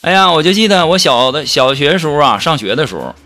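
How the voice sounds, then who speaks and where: A man's voice: a little high, sing-song, fast talker, pushed and bright. A man performing a comic monologue, telling his jokes in a chatty storytelling way and slipping into other people's voices. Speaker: comedian. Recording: music playing behind.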